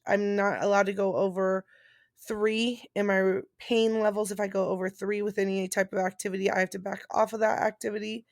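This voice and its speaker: A woman who vlogs and is recovering from surgery chats casually about her recovery, reading out points and then paraphrasing them in an informal, explanatory way. Her middle-pitched voice carries a noticeable gravelly fry. The recording is dry, with almost no room sound and no echo.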